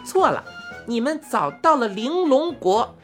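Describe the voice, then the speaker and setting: A woman's voice: a little high, big pitch swings, normal speed, soft background music. A woman voicing a tiny, cocky male creature in a storybook, with a thin, piercing voice and a snickering, bossy way of talking. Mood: mocking.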